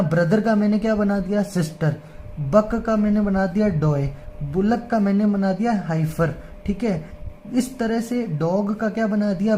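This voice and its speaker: A woman's voice: mid-range voice, warm tone, a little hiss or hum. A woman teaching grammar in Hindi, patient, often checking in with her listeners. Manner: patient, repeats "ठीक है" and "है ना" often; reads English lines slowly, word by word. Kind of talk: explaining an English grammar lesson in Hindi.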